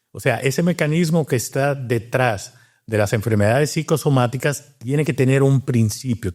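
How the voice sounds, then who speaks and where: A man's voice: medium pitch, darkish tone. A man from Cuba, a doctor and scientist, telling his story in a casual interview, thoughtful and full of restarts. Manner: reflective, with many fillers and restarts.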